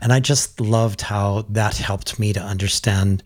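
A man with a fairly low voice hosts a podcast interview. He asks long, careful questions and explains things to his listeners in a measured, patient way. The recording is dry and close. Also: fairly even intonation, dry recording. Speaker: podcast host. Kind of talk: interview hosting.

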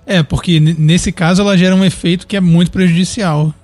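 A man's voice: high-pitched, steady tone, fairly quick, a little mellow, no room sound, faint music behind. A man reads translated verses and argues for his own interpretation in a podcast. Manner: argumentative, presses his reading. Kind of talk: casual discussion and translated reading.

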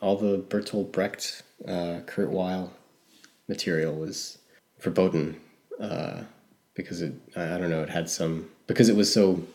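A man's voice: low voice, steady tone, a little slow, a little mellow. A man co-hosting a casual music talk show, rambling and correcting himself as he goes. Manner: rambling, self-correcting, hedging. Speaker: podcast co-host.

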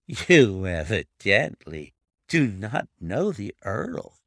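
A man's voice: on the low side, big pitch swings, slow, creaky, dry recording, studio quality, full character voice. A man voicing a smug, middle-aged male blackmailer with an oily, mock-sympathetic manner in an audiobook reading. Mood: silky.

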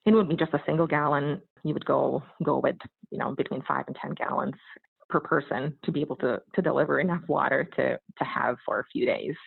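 A woman from Bosnia with a Bosnian accent, telling her personal story as an interview guest in an earnest, halting way with repeated words. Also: rumbling low, fairly even intonation, vocal fry, breathy edge, dry recording. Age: 30s or 40s. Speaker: podcast guest. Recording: muffled narrow phone-like line.

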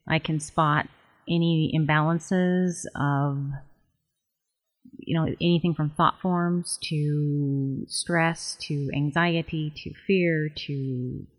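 A middle-aged woman working as a psychic medium and Reiki teacher. She answers interview questions calmly and explains things, often saying "um" and "you know." Her voice comes from a worn tape copy. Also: low voice, slow. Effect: dull, worn lo-fi tape copy.

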